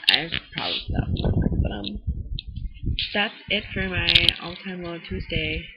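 A young adult with a Minnesotan accent chats eagerly and loosely, trailing off into "um"s and "like"s. The voice sits at a middle pitch. It is recorded on a laptop's built-in webcam, so the sound is dull and lo-fi. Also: slightly rough. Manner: enthusiastic, rambling, many "um"s and "like"s. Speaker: vlogger reviewing music albums. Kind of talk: casual rambling chat.

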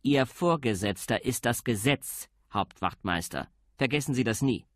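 A man playing a gruff middle-aged police commander, dry and lecturing. Delivery is stern with a lively melody. Recorded dry and close. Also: mid-range voice, moderate pace, no echo, close to an everyday voice. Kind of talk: audiobook character voice.

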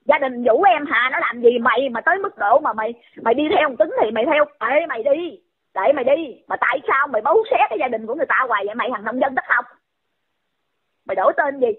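A woman's voice: high voice, expressive, quick pace, slightly rough. A woman, scolding someone in a heated rant and firing off repeated insulting questions. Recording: tinny phone-line audio.

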